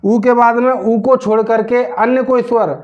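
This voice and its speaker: High-voiced teacher explaining grammar. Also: male voice, steady tone, unhurried, highs cut off. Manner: repeats questions to the class, drags out words while writing. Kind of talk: classroom grammar lesson.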